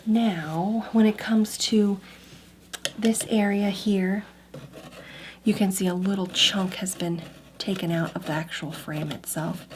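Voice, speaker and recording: A woman doing an ASMR role-play as an antiques appraiser, giving gentle step-by-step instructions and softly repeating words. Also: medium pitch, a little hiss or hum.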